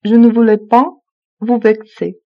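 A woman slowly reading French phrasebook lines, saying each one twice in an even manner. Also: fairly high pitch, dull audio. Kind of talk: slow repeated phrasebook reading.

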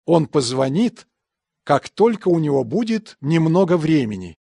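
Man, slightly high, husky voice, dry studio sound, careful course phrases. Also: measured pace, no room sound. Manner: even, careful enunciation. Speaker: language course speaker. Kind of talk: scripted phrase reading.

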